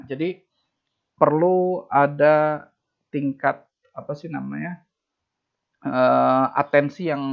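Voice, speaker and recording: A man's voice: medium pitch, gravelly. Man giving class feedback over video call. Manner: mixes English phrases into speech, many fillers. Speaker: lecturer. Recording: dull lo-fi video call audio.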